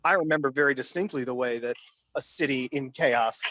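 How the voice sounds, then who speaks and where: A man's voice: mid-range voice, brisk, a bit bright, no echo. A man in his thirties from New York City, a guest telling film-set stories in a casual, filler-heavy way and swearing now and then. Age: 30s. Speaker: guest, film industry worker. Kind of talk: casual storytelling interview. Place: his apartment.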